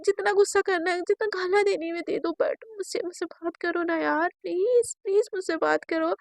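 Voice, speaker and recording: A woman's voice: very high-pitched, fairly quick, gravelly, no room sound, voice pushed up. A woman voicing a lovesick young woman who keeps pleading and apologizing to her girlfriend, her tone exasperated and coaxing.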